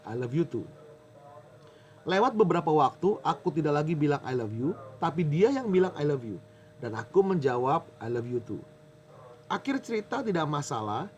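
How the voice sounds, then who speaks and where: A man preaching as a pastor in a lively sermon, bantering with the audience and reading a letter aloud. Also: a little high, a little hiss or hum.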